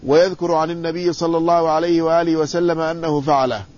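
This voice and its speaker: A man teaching an Islamic hadith lesson, reading a classical text aloud, explaining it and putting quick questions to his students. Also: fairly high pitch, level tone, darkish tone, dull audio. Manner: reads quoted text then explains, quizzes students.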